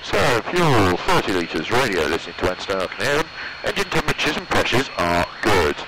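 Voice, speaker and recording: In a low-quality recording, a young British student pilot wearing an aviation headset mutters short checks to himself while flying a small, open-sided microlight. His lowish voice is sing-song and brisk, and the headset audio carries loud engine noise.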